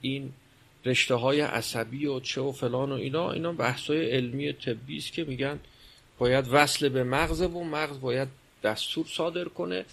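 A man's voice: mid-range voice, steady tone, gravelly, a bit bright. A man giving a religious lecture, explaining and posing rhetorical questions. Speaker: religious speaker.

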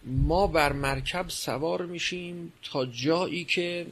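A man's voice: on the high side, a bit bright, a little hiss or hum. A man giving a religious lecture, explaining and posing rhetorical questions. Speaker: religious speaker.

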